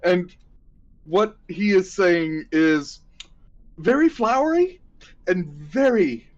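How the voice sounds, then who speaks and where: A man's voice: high-pitched, lively intonation, slow. A man narrating a tabletop game as game master, explaining rules with easy laughter. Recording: dull lo-fi audio.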